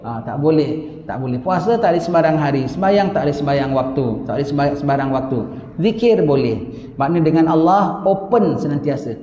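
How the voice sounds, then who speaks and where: A man's voice: a little high, lively intonation, brisk, warm tone. A man with a Malaysian accent giving a religious lecture, reading from a book and then explaining it with asides and rhetorical questions. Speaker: religious teacher. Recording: dull lo-fi recording in an echoey hall.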